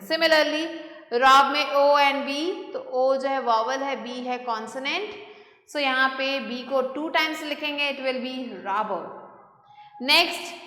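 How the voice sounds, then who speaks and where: Woman, grammar teacher, unhurried, echoey room. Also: high voice, pushed and bright. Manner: reads English rule text slowly, then explains quickly in Hindi mixed with English. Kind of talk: grammar lesson, reading rules slowly then explaining in Hindi. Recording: echoey room with long reverb.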